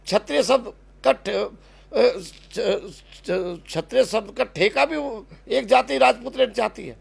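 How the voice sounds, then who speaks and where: Brief: husky, raspy male speaker, fired-up argument, stops to restart words. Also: very high voice, unhurried. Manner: emphatic, repeats and restarts words, lists places. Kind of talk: impassioned spoken argument.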